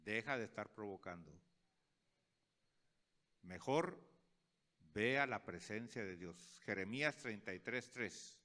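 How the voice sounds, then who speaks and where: A pastor preaching a sermon, asking the congregation questions and acting out little scenes, dropping to quiet asides and rising to loud calls. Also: male voice, lowish voice, animated, slow, long pauses.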